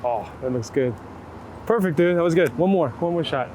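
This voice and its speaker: Amid city traffic and street sounds, a man photographing portraits outdoors chats casually and offers encouragement along with short posing instructions he repeats. His fairly high, slightly mellow voice has lively intonation at a normal pace. The recording is low quality.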